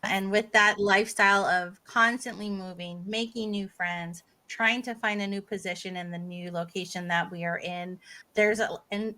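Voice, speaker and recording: A woman co-hosting a business podcast, lively and quick to back up her guest with "yeah". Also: mid-range voice. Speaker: podcast co-host. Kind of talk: casual podcast chat.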